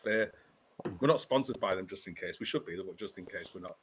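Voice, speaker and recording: A man's voice: low voice, fairly quick. Jokey man co-hosting, noisy mic. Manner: jokey, laughing. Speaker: podcast co-host. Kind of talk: casual livestream chat.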